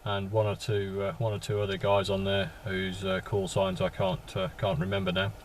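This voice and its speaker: An amateur radio operator chats casually with call signs from a parked vehicle, with some background noise. His low voice is flat, and he speaks haltingly, repeating words as he goes.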